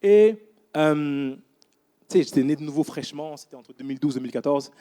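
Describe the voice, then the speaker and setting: A man's voice: on the high side, brisk. A man in his thirties preaching a sermon in church, telling stories with casual asides to the congregation. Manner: animated storytelling with casual asides.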